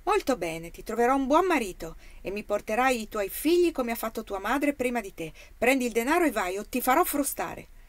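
A woman's voice: on the high side, big pitch swings, a little fast, dry recording. An imperious palace mistress speaks with cold command in an audiobook reading, as a woman narrator puts her on. She sounds haughty and threatening. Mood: furious.

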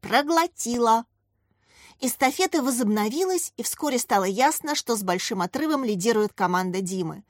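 A woman's voice: fairly high pitch, animated, a little fast, few pauses, no room sound, studio quality. Woman narrating a children's story. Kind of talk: audiobook narration.

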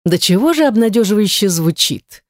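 A woman's voice: sits low, animated, moderate pace, darkish tone, dry recording. Lady voicing a creepy guy who whispers threats, mocking, dry sound. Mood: mock cheerful.

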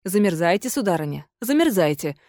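A woman voicing a calm, mocking young male heir in an audiobook, cool and unhurried. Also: on the high side, dry recording, clean studio sound, natural voice. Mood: cold.

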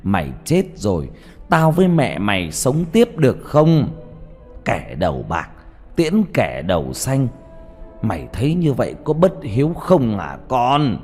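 A man voicing an angry, grieving old father who shouts and scolds. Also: lowish voice, sing-song, measured pace, husky, in a large hall, faint music behind, exaggerated voice. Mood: furious pleading.

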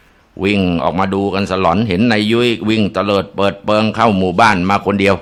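A man's voice: on the low side, fairly even intonation, quick pace, clean tone. A man narrating a ghost story in a dramatic way, with occasional filler sounds.

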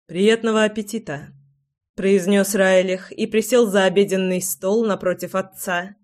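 An audiobook reader narrates the story at an even pace. The delivery is plain storytelling with a middle pitch. Nothing else stands out. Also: unhurried.

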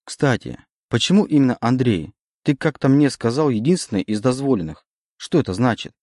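A man's voice: medium pitch, lively intonation, normal speed, a little mellow, no room sound, studio quality, pitched above the performer's own voice, lightly acted. A man voicing a withdrawn young orphan in an audiobook, his voice strained and raised. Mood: curious. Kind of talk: audiobook reading.

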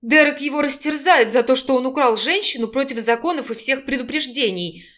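Woman doing a worried older mom, coaxing and pleading, highish voice. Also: fairly quick, a bit bright. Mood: alarmed. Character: fretful, soothing older mother.

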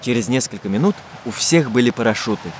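A man reading a children's fairy tale aloud in an expressive storytelling way. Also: medium pitch, fast, a little hiss or hum. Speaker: audiobook narrator. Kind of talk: scripted narration.

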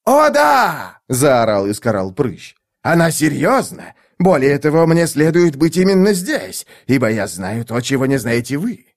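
A man's voice: mid-range voice, sing-song, moderate pace, few pauses, darkish tone, voice pushed up. A man voicing a sly, muttering male mage. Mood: eager. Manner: conspiratorial muttered asides. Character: sly, scheming male mage, lecherous and babbling.

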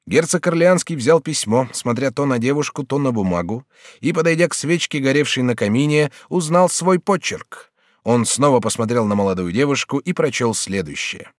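A man's voice: mid-range voice, expressive, normal speed, no echo, studio quality. Man narrating a classic novel. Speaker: audiobook narrator. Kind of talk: scripted audiobook narration. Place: recording studio.

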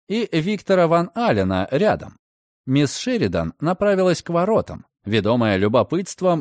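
Expressive male audiobook narrator. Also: mid-range voice, dry recording, clean studio sound. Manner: expressive storytelling. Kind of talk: scripted narration.

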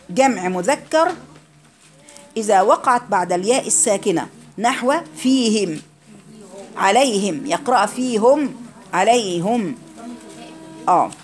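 A woman's voice: mid-range voice, a little mellow. A woman with an Egyptian accent teaching Quran recitation rules in a classroom lecture, explaining each rule and quizzing her students with questions.

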